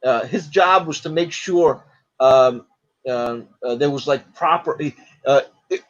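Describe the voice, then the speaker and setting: A man chatting as a podcast guest, retelling stories in a halting way, full of fillers and restarts. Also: mid-range voice, highs cut off. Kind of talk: casual podcast chat.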